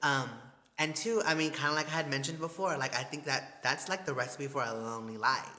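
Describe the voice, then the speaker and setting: A man's voice: medium pitch, a little fast, pushed and bright. A young man co-hosting a casual podcast chat, candid and rambling, peppering his talk with filler and slang. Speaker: podcast co-host. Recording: echoey room with long reverb.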